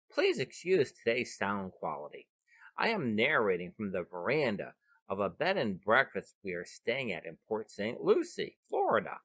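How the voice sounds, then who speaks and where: Out on the veranda of a bed and breakfast, a man hosts and narrates a scripted short story podcast, delivering it dramatically and with emphasis. His medium-pitched voice is a bit bright and slightly rough, with no echo and lo-fi sound.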